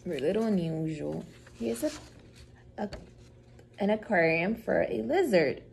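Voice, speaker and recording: A woman who is a preschool teacher, reading a picture book to young children in a gentle storytime voice. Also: on the low side, vocal fry, a little hiss or hum, low-quality recording. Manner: gentle, slow, sing-song storytime delivery.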